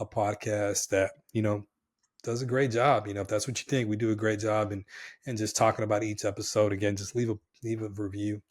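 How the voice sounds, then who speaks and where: A man co-hosting a casual podcast, a bit hoarse, talking with energy and calling his co-host brother. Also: fairly low pitch.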